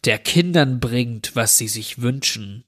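A sinister intruder with a slow, drawn-out way of speaking, as a man voices him. He sounds cold and mocking in a storybook horror tale, and his voice sits in a middle register. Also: mid-range voice, a bit bright. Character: menacing drawling male intruder who grants wishes.

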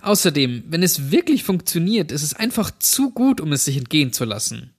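A man's voice: big pitch swings, fairly quick. A man voicing a mischievous, defiant teenage girl in a told story, in a raised, girlish voice. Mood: defiant, flippant. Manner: higher, girlish put-on voice. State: crying.

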